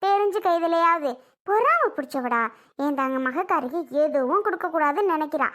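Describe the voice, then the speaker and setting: A grumbling, suspicious old mother-in-law who nags and scolds everyone around her, her voice pitched very high, as a woman acts her out. She speaks in a home-made family skit. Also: lively intonation, moderate pace, fairly bright tone. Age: older. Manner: scolding, nagging.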